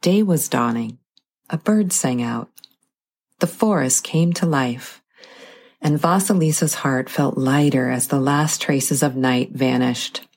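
Slow, gravelly woman narrating a tale. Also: a bass voice, darkish tone. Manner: measured and dramatic. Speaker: storyteller. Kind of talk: storybook narration.

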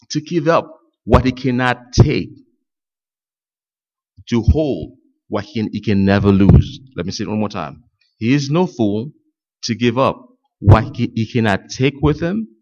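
A native French speaker preaches a call-and-response sermon in English, having his congregation complete his words. He swings between loud, high exclamations and low, quiet asides, and the recording has a dull, lo-fi sound.

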